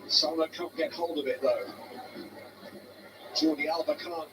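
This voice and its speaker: A man giving measured, analytical live football commentary, heard through noisy broadcast audio. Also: fairly high pitch, crowd noise.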